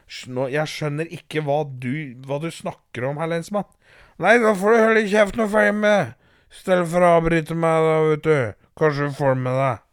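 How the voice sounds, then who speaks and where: A man voicing a loud, crude country woman who rambles, swears and boasts. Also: a little high, hardly any pauses, clean tone, dry recording, clean studio sound, natural voice. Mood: indignant.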